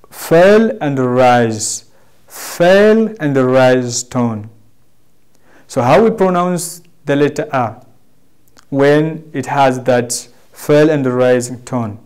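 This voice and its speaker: A man with a Tanzanian accent teaching a language lesson, drawing out his words slowly and repeating examples for the class. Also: medium pitch, lively intonation, darkish tone, smooth. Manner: slow, drawn-out teaching delivery with repeated demonstrations.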